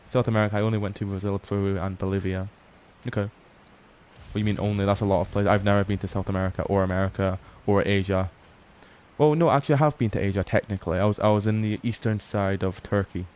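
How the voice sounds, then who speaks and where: A man's voice: sits low, slight background noise. Tired man chatting on a stream. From Scotland. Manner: relaxed, swears often, reads chat aloud. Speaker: livestream host. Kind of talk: casual late-night stream chat.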